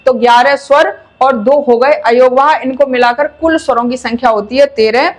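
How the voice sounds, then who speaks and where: High-voiced woman teaching Hindi grammar. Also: normal speed. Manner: patient, explanatory, drawing out sounds to demonstrate. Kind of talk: classroom-style grammar lesson.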